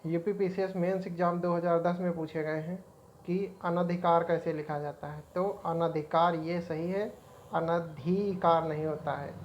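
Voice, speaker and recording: A woman's voice: lowish voice, a little mellow, slight background noise. A woman teaching an exam-prep spelling lesson, repeating each word as she points out right and wrong forms.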